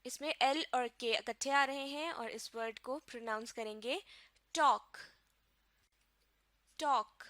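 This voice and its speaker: A woman from Pakistan teaching a recorded lesson, her voice sitting a little high. She explains slowly and carefully, spelling words out letter by letter. The sound is dry, with no room around it. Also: fairly bright tone, no room sound.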